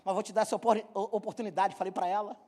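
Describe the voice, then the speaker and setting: A middle-aged man from Brazil preaching to his congregation, telling a funny personal story in a joking, animated way and speaking straight to the people. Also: high voice, racing. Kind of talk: humorous sermon storytelling. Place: church hall.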